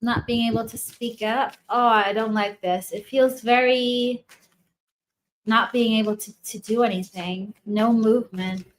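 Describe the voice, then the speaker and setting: Woman tarot reader, slightly high voice, rambling live delivery, faint noise. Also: fairly even intonation, measured pace. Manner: rambling, thinking aloud, trailing off. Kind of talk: casual tarot reading livestream.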